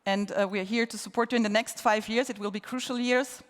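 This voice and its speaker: A woman's voice: on the high side, steady tone, fast. Woman championing solar in a reverberant hall. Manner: enthusiastic advocacy, repeats words for emphasis. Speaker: head of a solar industry association, introducing the speaker. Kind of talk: conference speech. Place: large conference hall.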